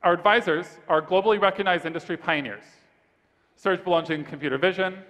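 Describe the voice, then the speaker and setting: A man pitching his startup on stage, then answering judges' questions in a steady, rehearsed way. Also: fast talker. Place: large event hall stage. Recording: reverberant conference hall.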